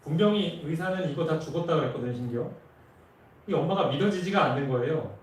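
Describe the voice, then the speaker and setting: A man's voice: a little high, animated, fast, slight background noise. Male preacher, earnest storyteller, heard from a distance with strong church reverb. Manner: earnest storytelling, rising with emotion at key moments. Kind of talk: sermon storytelling. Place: church sanctuary. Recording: echoey church from far off.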